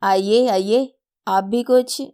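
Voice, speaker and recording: A woman's voice: medium pitch, steady tone, very slow, clear, resonant tone. A woman voicing a jovial, teasing young man who indulges his little nephew. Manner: playful, loud hawker calls.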